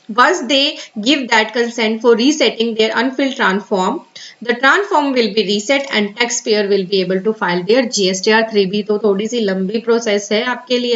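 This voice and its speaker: Woman explaining tax rules. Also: a little high. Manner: mixes Hindi with read-out English, slow and deliberate on English. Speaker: tax educator. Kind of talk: explanatory tutorial. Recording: slightly dull lo-fi sound.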